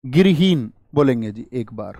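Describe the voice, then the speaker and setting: A man's voice: mid-range voice, animated, a little slow, mellow, no room sound. Man quizzing students in a spelling lesson. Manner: quizzing students with repeated rhetorical questions; addresses viewers as friends and brother. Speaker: teacher. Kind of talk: exam-prep Hindi spelling lesson.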